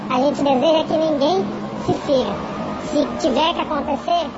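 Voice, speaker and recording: High, disguised voice with distortion. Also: moderate pace. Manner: colloquial, repeats and restarts phrases. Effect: voice distortion for anonymity, pitched up. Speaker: security company employee. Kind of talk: anonymous news interview. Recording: muffled, distorted audio with loud noise.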